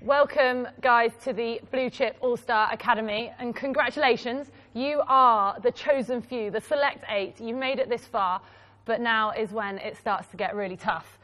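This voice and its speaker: A woman presenting a TV competition in an energetic, announcing manner. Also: fairly high pitch, moderate pace. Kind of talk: upbeat TV presenting.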